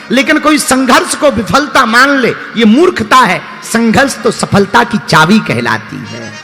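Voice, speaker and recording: A man's voice: very high-pitched, pushed and bright. A male preacher giving a sermon, telling humorous stories and singing verses. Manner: humorous storytelling, sings verses. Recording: long hall reverb, faint music.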